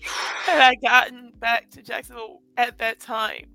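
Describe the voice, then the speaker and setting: Female podcast co-host, higher voice with gravelly fry, candid and halting, faint music behind. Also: level tone, sharp tone, dry recording, rough recording. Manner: candid, halting, swears, many fillers like "like". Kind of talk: casual personal podcast talk. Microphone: podcast microphone.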